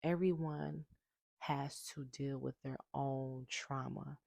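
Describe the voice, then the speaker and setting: Slow, gravelly woman venting in a vlog. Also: sits low, darkish tone, no room sound, clean studio sound. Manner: emphatic, swears freely, builds to heated repetition. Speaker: vlogger. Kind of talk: personal motivational vlog.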